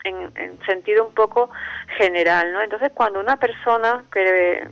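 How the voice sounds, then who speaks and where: A man as a guest expert, explaining in a measured, reflective way and often ending points with a questioning "no?". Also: high voice, creaky, no echo. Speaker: guest expert on emotional wellbeing. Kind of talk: explanatory radio interview answer. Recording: dull phone line.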